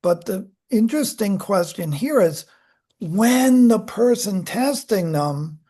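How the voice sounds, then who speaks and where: In a lecture room, a psychology lecturer explains child development to a class, speaking conversationally, correcting himself as he goes and acting out examples. The voice is medium-pitched, expressive and slow, with a warm, slightly rough tone.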